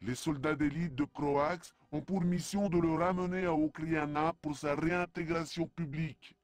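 An actor playing a humble, earnest alien apprentice priest in a video game, deferential and apologetic. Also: male voice, fairly high pitch, steady tone, normal speed, no room sound, close to an everyday voice. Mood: worried. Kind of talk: French video game dub acting.

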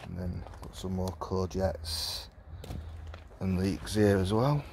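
A man's voice: sits low, slow, gravelly, a little mellow, a little hiss or hum. A man chatting casually as he walks through his allotment garden, rambling and chuckling as he goes. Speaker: allotment vlogger. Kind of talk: casual walking tour commentary. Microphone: handheld phone camera.

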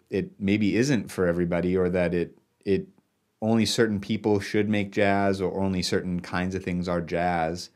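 A man's voice: lowish voice, darkish tone. A man in his thirties hosting an interview over a video call, asking long, searching questions full of hedges. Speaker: interviewer host. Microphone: webcam on video call.

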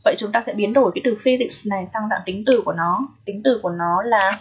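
A woman's voice: medium pitch, fast talker, highs cut off, slight background noise. A woman English teacher, patiently walking students through an exam review and checking in with frequent rhetorical questions.

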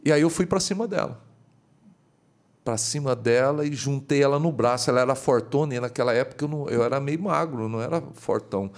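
A man, a bishop, telling a story as a guest in a podcast studio, his voice climbing high whenever he gets excited. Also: fairly quick.

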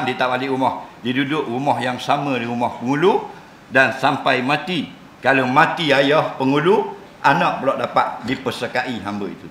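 A man's voice: medium pitch, pushed and bright, a little hiss or hum. A man giving a jokey mosque lecture, often asking the audience if they understand. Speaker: religious lecturer. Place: mosque hall. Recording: roomy mosque hall sound.

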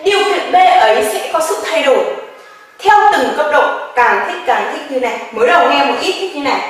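A woman teaching a grammar lesson, drilling words slowly and often asking her class questions. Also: sits high, animated, fairly bright tone. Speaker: Japanese language teacher. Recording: very echoey room, voice from far off.

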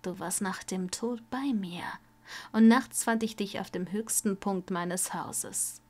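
A woman voicing a dying older wizard, bitter and cold, who rasps and often sinks to a weak whisper. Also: medium pitch, slow pace, darkish tone. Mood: rasping weak. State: coughing, ill.

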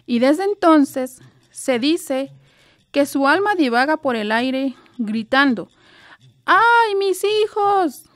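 A woman from Guerrero, Mexico, telling a traditional folk tale in a slow, measured, soft-spoken way. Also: high voice, no echo. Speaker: writer and storyteller.

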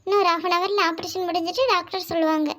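A woman voicing a brisk, stern hospital nurse in a cartoon, with a southern Tamil Nadu accent. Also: extremely high pitch, steady tone, fairly bright tone. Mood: businesslike. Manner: businesslike, curt.

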